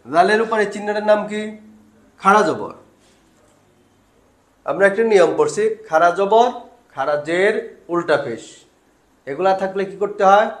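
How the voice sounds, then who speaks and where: A man's voice: high voice, animated, normal speed, long pauses, reverberant. A man teaching Quran reading step by step, asking questions, answering them himself and drawing out syllables. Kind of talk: step-by-step lesson.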